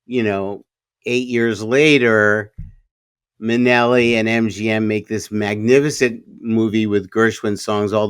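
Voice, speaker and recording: A man's voice: mid-range voice, fairly bright tone, clear, resonant tone, no room sound, studio quality. A man with a standard American accent discussing film conversationally, in an earnest, reflective manner. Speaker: film commentator.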